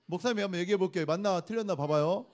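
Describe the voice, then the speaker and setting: A man's voice: sits high, very fast, a little mellow. A man, a pastor, giving a children's sermon in a church room, playfully quizzing the kids and having them repeat phrases after him. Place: church worship room indoors.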